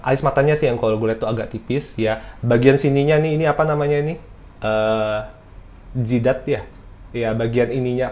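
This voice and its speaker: A man talks through a tarot reading in a loose, conversational way. He muses aloud, stops to search for words and circles back to his points, and his pitch sits in the middle range. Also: a little mellow. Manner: chatty, slangy, musing aloud with fillers. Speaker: tarot reader. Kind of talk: casual pick-a-card reading.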